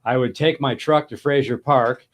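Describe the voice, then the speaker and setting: A man's voice: mid-range voice, normal speed. A man co-hosting a casual interview, playful and bantering. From Los Angeles area. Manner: playful, laughs easily, bantering. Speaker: podcast co-host.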